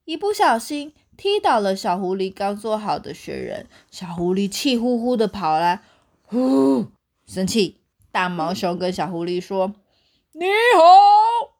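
A young woman with a Taiwanese Mandarin accent reading a picture book aloud to her child at bedtime, in an animated storytelling way. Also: medium pitch.

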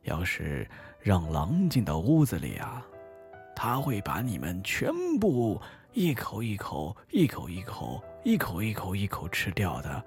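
A man voicing a fussy elderly mother goat in a comic bedtime story, soft and drawn out. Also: deep voice, wildly swooping pitch, a little slow, soft background music, full character voice. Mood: fussing.

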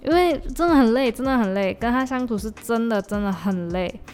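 A woman's voice: a little high, expressive, fairly quick, a little mellow, faint music behind. Weary young woman venting. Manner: venting, weary, drifts into English exclamations. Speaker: podcast host. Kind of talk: casual chat.

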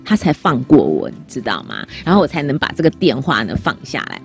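A woman with a Taiwanese Mandarin accent, co-hosting a chat podcast and telling a personal story in an animated way, acting out the quoted dialogue. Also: a bass voice, brisk, soft background music. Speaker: podcast co-host. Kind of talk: casual chat.

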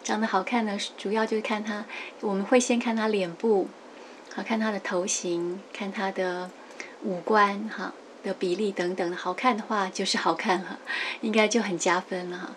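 A middle-aged woman gives a patient, lively lecture on classical poetry at a moderate pitch. She slows right down to read each verse and softens her explanations with a little "ha". A faint hiss runs under the recording. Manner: lively, explains patiently, ends many phrases with a soft "ha"; reads quoted verses slowly and with emphasis.

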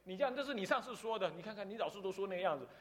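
A stern, scolding mother, put on by a man in a high, lively voice. She scolds in reproachful bursts. The sound rings in a hall with a long reverb. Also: rapid-fire.

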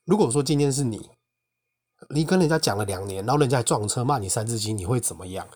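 A young man with a Taiwanese Mandarin accent, hosting a podcast and telling a personal faith story in an indignant, animated way. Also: medium pitch, quick pace. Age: young adult. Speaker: podcast host. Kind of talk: casual personal testimony monologue.

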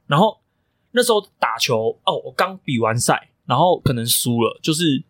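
A man's voice: medium pitch, very animated, normal speed, fairly bright tone, dry recording. A young man, a coach co-hosting a podcast, telling stories emphatically and swearing freely. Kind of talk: casual podcast chat.

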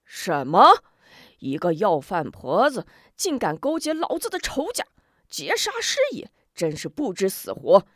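A woman's voice: mid-range voice, wildly swooping pitch, measured pace, no echo, studio quality. A woman voicing an arrogant, brutal male bandit chief who bellows orders with contempt. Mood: furious, bellowing.

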